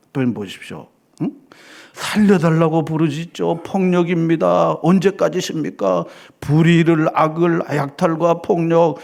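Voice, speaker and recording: A man preaching a sermon as pastor, fervent, swinging between loud declarations and quiet drops. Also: sits high. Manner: fervent preaching, rising and dropping dramatically.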